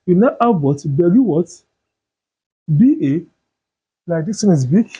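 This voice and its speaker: High-voiced guy teaching chem, husky, keeps asking "what?" and answering, muffled lo-fi audio. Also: big pitch swings, slow pace, mellow. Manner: asks questions and fills in the answers himself. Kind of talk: chemistry lesson. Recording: dull lo-fi sound.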